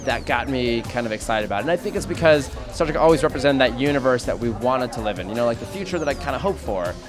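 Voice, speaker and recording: Quick-talking man, rambling casually. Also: medium pitch, expressive. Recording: music behind.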